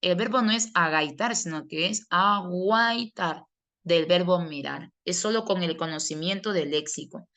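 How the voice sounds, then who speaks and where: A woman's voice: lowish voice, normal speed, few pauses, a bit bright. A woman teaching a grammar class. She explains patiently and answers questions she poses in her students' voices. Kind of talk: online class lecture.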